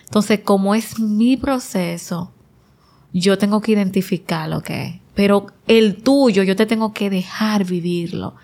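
A woman's voice: medium pitch, a little slow, gravelly, darkish tone. A woman guest on a podcast interview, talking earnestly and reflectively, driving points home with repeated short phrases.

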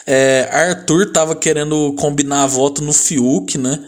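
Man, casual podcast host, animated slangy storytelling, somewhat high voice. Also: measured pace. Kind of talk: casual chat, retelling TV drama.

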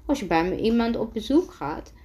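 A woman's voice: fairly high pitch, big pitch swings, moderate pace, dark tone. A woman reading as Elle, an eager little witch girl. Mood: excited. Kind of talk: storybook read-aloud.

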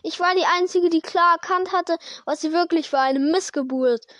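Brief: scornful ranting aunt, woman reader voicing her, high-pitched, dry close sound. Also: normal speed, a bit bright, dry recording. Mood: bitter. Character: shrill, bitter middle-aged aunt.

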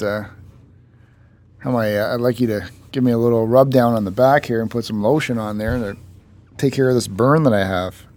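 A man's voice: medium pitch, darkish tone. Chill guy hosting a podcast, jokey and loose, drops the odd swear. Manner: loose, joking, swears casually. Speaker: podcast host. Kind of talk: casual chat.

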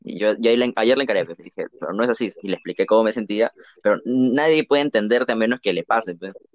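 A man's voice: on the low side, quick pace, no echo. A young man in casual chat, talking reflectively and telling a rambling personal story with many restarts. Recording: dull, muffled sound.

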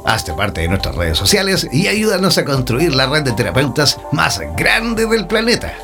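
A man's voice: fairly high pitch, very animated, normal speed. A male radio announcer reading a scripted station promo in a dramatic, sweeping way. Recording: station jingle with guitar music.

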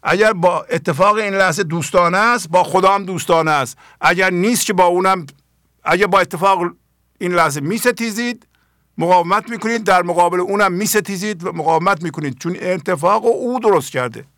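An older man gives a spiritual teaching talk, earnest and full of direct questions to his listeners. His voice sits a little high and has a gravelly edge. The recording is close and dry. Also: a bit bright, no echo. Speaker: spiritual teacher and program host.

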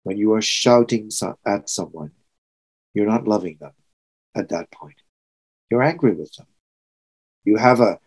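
A man's voice: mid-range voice, darkish tone, poor audio. A sixty-year-old man from Trinidad and Tobago, preaching a sermon in an earnest, reflective way with emphatic swells. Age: 60s.

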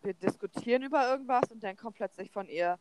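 A woman's voice: fairly high pitch, fast, very noisy. A young woman, a university student, chatting casually and telling amused anecdotes. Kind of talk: casual chat.

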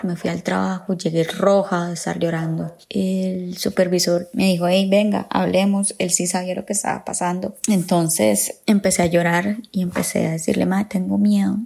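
Gravelly-voiced Costa Rican woman telling her story. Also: fairly low pitch, flat delivery, normal speed, few pauses, darkish tone. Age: 30s. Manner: candid, emotional, with wry laughs. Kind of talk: personal testimony storytelling.

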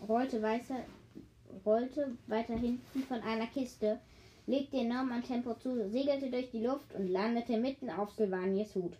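Woman reader, fairly high mellow voice. Casual storybook read-aloud with chatty asides and self-corrections. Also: a little hiss or hum, poor audio. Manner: chatty, stops to comment and joke with listeners; stumbles over words and corrects herself. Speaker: reader of a children's book.

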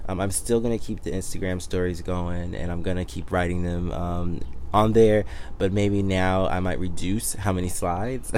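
A man's voice: low-pitched, darkish tone, a little hiss or hum. A man in his twenties from Detroit, hosting a solo podcast and talking casually with many fillers and restarts. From Detroit, Michigan. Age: 20s. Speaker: podcast host.

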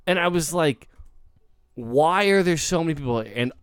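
A man co-hosting a podcast and telling a rambling story full of "like"s. His pitch swings widely and sits slightly high. The sound is dry and close. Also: moderate pace, clean tone, dry recording. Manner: rambling storyteller, lots of likes, animated. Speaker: podcast co-host. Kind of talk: casual chat.

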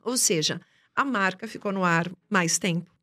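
A woman, a journalist and TV presenter, telling lively anecdotes nonstop in a casual podcast interview. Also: on the low side. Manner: talks fast and nonstop, animated anecdotes.

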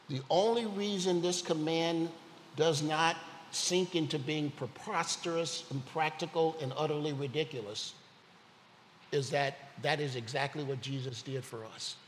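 A man's voice: on the high side, a little slow. A man giving a sermon as a guest speaker, telling personal stories in an earnest way. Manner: earnest, personal storytelling preacher. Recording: long hall reverb with faint ambient noise.

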